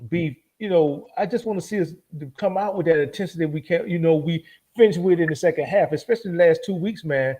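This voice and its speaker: A man's voice: fairly high pitch, fast talker, mellow. A man hosting a casual football livestream, laid back and asking his co-hosts questions. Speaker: livestream host.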